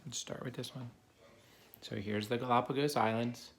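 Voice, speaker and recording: Reading a children's picture book to a child helper, this man keeps a steady tone and a moderate pace while explaining things plainly. His voice has a medium pitch, and background noise is clearly audible.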